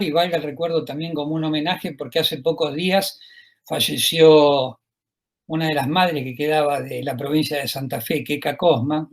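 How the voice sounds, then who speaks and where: A man with an Argentine accent giving a university lecture as a law professor, talking in a discursive way with frequent filler pauses and tag questions to his listeners. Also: on the high side. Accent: Argentine Spanish.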